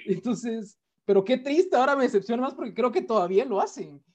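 A man's voice: extremely high pitch, animated, brisk. A man hosting a casual panel chat, rambling along with many fillers and restarts. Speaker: host. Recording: dull lo-fi sound.

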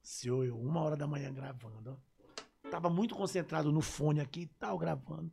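Male podcast guest, musician, high voice, animated storyteller. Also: fairly quick, creaky. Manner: lively anecdotes with sound effects.

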